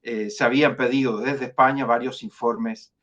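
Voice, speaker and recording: Speaking at a middling pitch with fairly even intonation and a fairly bright tone, a Chilean-accented foundation director appears as a guest in an online interview. He comes across as measured and hesitant, with lots of fillers and false starts. The call audio is a little dull and lo-fi.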